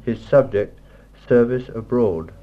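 A man giving a formal, measured spoken introduction on an old 1960s tape recording. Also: medium pitch, slight background noise. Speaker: recording announcer. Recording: muffled lo-fi old tape, from the mic.

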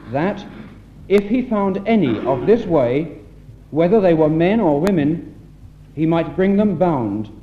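A man solemnly reading scripture aloud at a church meeting, heard on an old 1960s tape recording. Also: high voice. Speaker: scripture reader at a church address. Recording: muffled old tape with faint hiss.

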